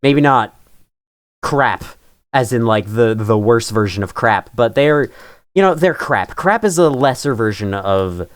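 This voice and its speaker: Animated, griping man in casual reaction commentary. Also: mid-range voice, a little slow, dry recording, clean studio sound. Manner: opinionated, griping, chuckles through remarks. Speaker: gaming YouTuber reacting to his own old playthrough.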